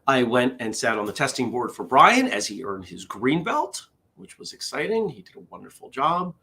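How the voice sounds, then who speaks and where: A man's voice: medium pitch, sing-song, moderate pace, sharp tone. Tired, chatty morning-show host man. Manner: tired, chatty, reads out viewer comments. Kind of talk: casual morning livestream chat.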